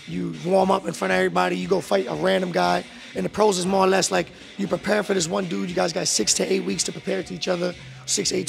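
A young man in his twenties talks quickly and loosely, dropping slang and fillers as he answers an interviewer. His voice is high for a man and heavily gravelly. He speaks into a handheld mic in a boxing gym. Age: 20s. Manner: relaxed, street slang, many "bro" and "um". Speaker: professional boxer, guest. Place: boxing gym beside a ring, indoors.

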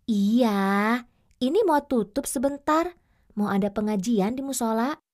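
A gentle, high voice with a lot of rise and fall, from a young woman with a Sundanese accent. She is a kind older-sister type of shopkeeper. She gives advice slowly and patiently in a children's TV drama. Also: animated. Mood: friendly. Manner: gentle, slow, advising delivery.

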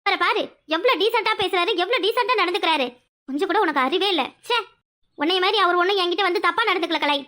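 A performer voicing a blunt, sharp-tongued young village woman in a cartoon, with a Kanyakumari Tamil accent. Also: very high voice, fast talker. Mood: scolding. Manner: scolding, blunt. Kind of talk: cartoon voice acting.

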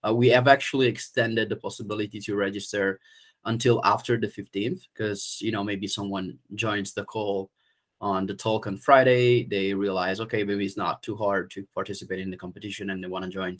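An Italian man with a fairly low, steady voice speaks at a moderate pace on a video call from a room at home. He's an event organizer in a casual meeting, hesitant, with many fillers and restarts.

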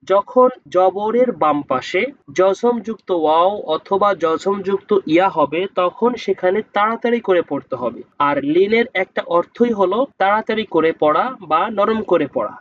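A man teaching Quran reading, who spells out each letter and vowel mark and then slowly draws out the joined word. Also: high voice, no echo, dull audio. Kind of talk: step-by-step spelling lesson.

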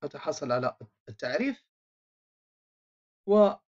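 A programming instructor narrates a screen recording, thinking aloud while typing and hesitating with frequent drawn-out filler sounds. His darkish voice swings widely in pitch and comes through a dull, lo-fi voice-over mic.

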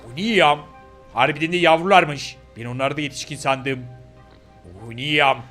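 A man with a high, bright voice who talks bluntly and keeps exclaiming in surprise, with casual swearing thrown in. He voices his own animal character in a gameplay role-play, over faint game music. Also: normal speed. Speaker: gaming YouTuber voicing his character.

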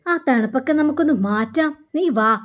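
A woman's voice: high-pitched, fairly quick, natural voice. A woman voicing a gloating, scheming young man from a TV serial in a smug way.

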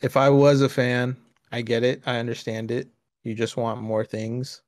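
A man's voice: medium pitch, level tone, normal speed, background noise. A man co-hosting a casual group reaction podcast, blunt and mocking with plenty of profanity. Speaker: podcast co-host.

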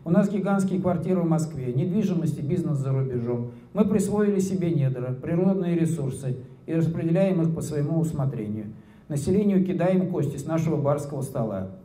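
A man's voice: fairly high pitch, lively intonation, a little fast, dark tone, lightly acted. A man reading a satirical monologue aloud, voicing a smug cynical male official who addresses his colleagues in a mock-solemn speechmaking tone, into a handheld microphone. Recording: roomy hall with handheld mic.

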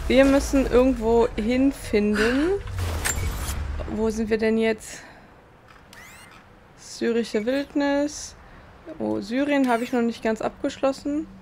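Higher-voiced, creaky woman let's player, noisy recording. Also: fairly even intonation, takes it slowly, pauses often, a little mellow. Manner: blunt, impatient, colloquial. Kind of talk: casual gameplay commentary. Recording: clear background noise.

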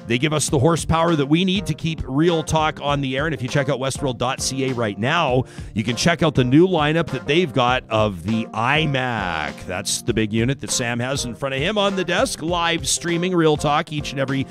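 A man's voice: medium pitch, moderate pace, hardly any pauses, soft background music. A man in his forties hosting a live radio talk show, speaking earnestly and reflectively on a studio microphone, with some stammered restarts. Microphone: studio microphone with headphones.

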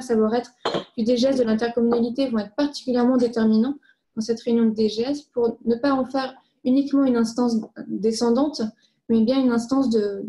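On a rough recording, a woman formally presents her findings in a fairly high voice that is very mellow and soft-edged. She explains her material methodically, point by point.

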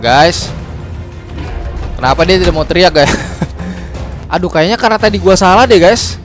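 A young man with a slightly high voice gives relaxed, chatty gameplay commentary, talking straight to his viewers. He rambles, apologizes quickly when he slips, and keeps the tone light. Background music plays clearly under his voice. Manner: chatty, says guys constantly, quick apologies and laughs at his own slips. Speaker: gaming channel host. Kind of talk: casual gameplay tutorial commentary.

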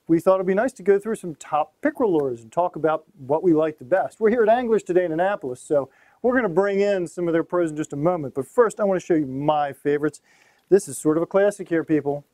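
A man's voice: fairly high pitch, warm tone, no echo. A middle-aged man hosting a fishing gear demonstration in a small tackle shop, talking in an upbeat, emphatic way. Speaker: host.

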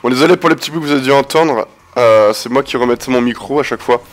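A man with a head cold commentating a video game casually, swearing, laughing and yelling at the action. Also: medium pitch, quick pace, a little hiss or hum. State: has a cold, stuffy. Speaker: gameplay commentator. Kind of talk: casual let's-play commentary.

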